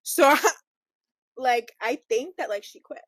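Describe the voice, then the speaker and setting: A woman's voice: high voice, lively intonation, slow, no room sound. A young woman co-hosting a podcast, telling a rambling story in casual chat, laughing often and filling her speech with "like". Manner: giggly, rambling storytelling full of fillers. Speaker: podcast co-host.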